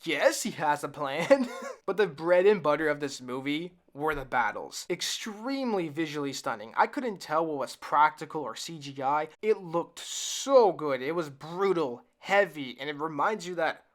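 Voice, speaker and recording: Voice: medium pitch, normal speed. A film reviewer giving a comedic, sarcastic review with frequent laughs. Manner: sarcastic, animated, laughs often.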